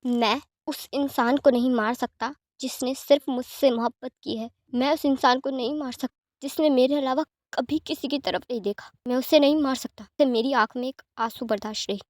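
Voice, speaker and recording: A woman's voice: high voice, steady tone, normal speed, few pauses, no echo, clean studio sound, close to an everyday voice. A woman voicing an anguished young man who speaks in a desperate, insistent way.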